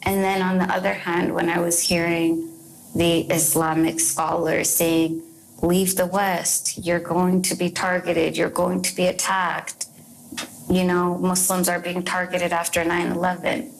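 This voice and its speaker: Gravelly young woman recalling her past. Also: fairly low pitch, flat delivery, slight background noise, rough recording. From Canada. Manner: halting, measured account with fillers. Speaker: interviewee. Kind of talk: recorded interview recollection.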